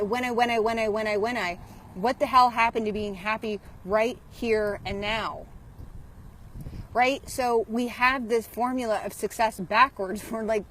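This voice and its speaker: A woman vlogger talking casually on a live stream, animated and chatty, swearing now and then. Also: medium pitch, slight background noise, rough recording. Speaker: motivational vlogger.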